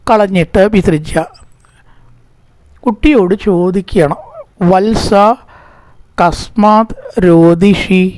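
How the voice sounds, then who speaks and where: A man's voice: high voice, darkish tone, no room sound. Malayali man chanting and explaining scripture. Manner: chants verses slowly, then explains quickly in plain speech. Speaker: scripture teacher. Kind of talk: verse-by-verse scripture class.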